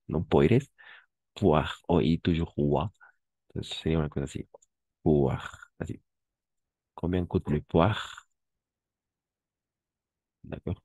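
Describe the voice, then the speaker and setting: Deep, slow-speaking male French teacher. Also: a little mellow, husky, no room sound. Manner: patient, repeats and corrects pronunciation, mixes in Spanish explanations. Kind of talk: language class instruction.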